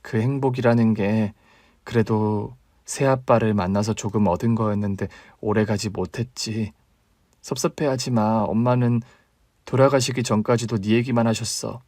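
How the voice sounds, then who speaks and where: A man doing a calm, low older sister. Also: normal speed, no room sound, clean studio sound, natural voice. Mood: consoling. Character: young woman, steady caring older sister. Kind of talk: radio drama reading.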